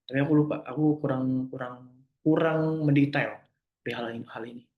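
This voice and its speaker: A young man answering listener questions in a casual talk, gentle and reassuring, often forgetting terms and restarting. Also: mid-range voice, fairly even intonation, normal speed, roomy sound, phone-quality sound.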